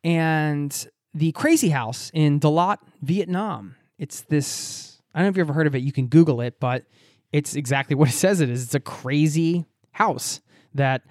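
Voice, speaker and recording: An American man hosting a travel podcast, speaking in a reflective, animated way with occasional laughs. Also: fairly high pitch, normal speed, dry recording, studio quality. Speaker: podcast host. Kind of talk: podcast interview.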